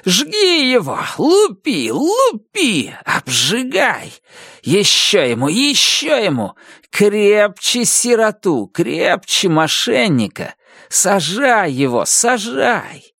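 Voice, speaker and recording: A man's voice: on the high side, big pitch swings, slow, dry recording, clean studio sound, heavily acted. A man doing a smug, cruel officer. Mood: gleeful shouting. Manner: mock-gentle, sanctimonious. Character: sly, cruel male officer feigning kindness.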